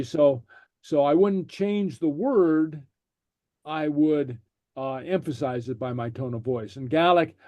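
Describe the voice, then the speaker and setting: Brief: male teacher, slightly high voice, mellow tone, slow patient delivery, dry close sound. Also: no room sound. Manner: patient, repeats "okay?" after each point, many fillers. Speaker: language teacher. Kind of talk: slow explanatory class lecture.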